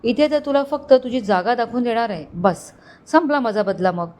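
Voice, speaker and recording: A woman's voice: on the high side, expressive, moderate pace, darkish tone, close to an everyday voice. A woman narrator voicing a vengeful, scheming young woman who speaks in a bitter, spiteful way.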